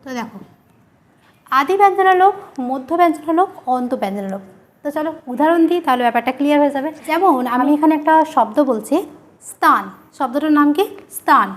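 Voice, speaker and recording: A woman teaching a grammar lesson, repeating key terms slowly and asking questions she answers herself. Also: high voice, animated.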